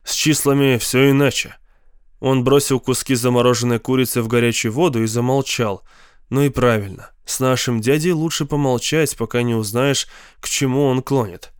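A man narrating a novel in a measured, unhurried way on a close studio mic. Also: medium pitch, clear, resonant tone, no room sound. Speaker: audiobook narrator. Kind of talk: scripted narration.

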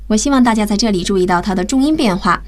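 Talking rapid-fire in an expressive, medium-pitched voice, a woman runs an English lesson on the radio as teacher and host. She breaks vocabulary down step by step and spells the words aloud one letter at a time.

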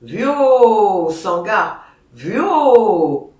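A reader voicing a grown man who owns the ranch, calling out to calm a bull. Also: mid-range voice, slow pace. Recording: roomy, distant mic.

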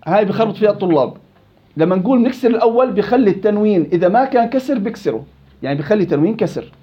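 A man's voice: high-pitched, lively intonation, very fast, dull audio. A man with a Levantine Arabic accent teaching a tajweed lesson, quizzing his students and repeating words to drill them. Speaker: Quran recitation teacher.

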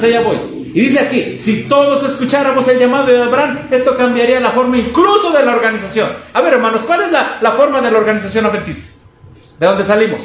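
Fervently addressing a congregation, this high-voiced male preacher exhorts his listeners, poses rhetorical questions, and acts out their objections while reading quotes and commenting on them. His tone is a bit bright. The recording echoes heavily, with some background noise.

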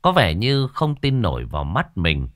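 A man narrating a ghost story in a dramatic, expressive storytelling manner. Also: lowish voice, moderate pace, no room sound, clean studio sound.

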